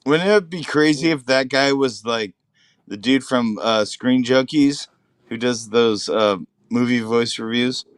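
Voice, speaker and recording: A man's voice: medium pitch, a little slow, clean tone, no echo, clean studio sound. A man making casual conversation as a panelist on an open panel. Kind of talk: casual chat.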